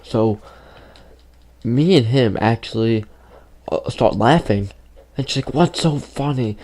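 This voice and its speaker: Over gameplay, a teenage gaming YouTuber of fifteen rambles through a story packed with fillers as his voice gives out. He speaks slowly in a medium-pitched, expressive male voice that's a little mellow.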